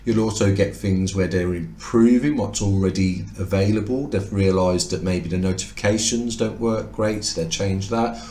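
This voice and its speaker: A man's voice: sits low, normal speed, hardly any pauses, dark tone, a little hiss or hum. A man losing his voice, talking casually and explaining as he compares two laptops in a review, now and then correcting himself mid-word. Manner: explanatory, conversational, occasional self-corrections. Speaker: tech reviewer. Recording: roomy echoey room sound.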